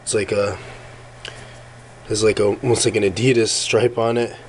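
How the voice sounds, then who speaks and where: A man casually showing off and pricing his flea market finds for a haul vlog, in a relaxed, rambling way with lots of fillers and self-corrections, while filming the items up close. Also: on the low side, normal speed, a little hiss or hum, poor audio.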